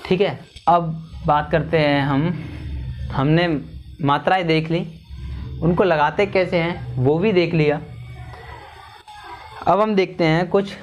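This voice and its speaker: A man teaching a lesson on vowel signs, slowly repeating and sounding out each syllable. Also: a little high, fairly even intonation, faint music behind. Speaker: Hindi teacher.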